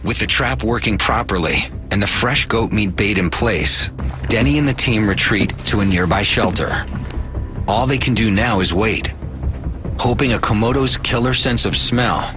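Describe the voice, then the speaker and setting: A man's voice: fairly low pitch, normal speed, music in the background. A man reading scripted nature documentary narration with dramatic, suspenseful phrasing.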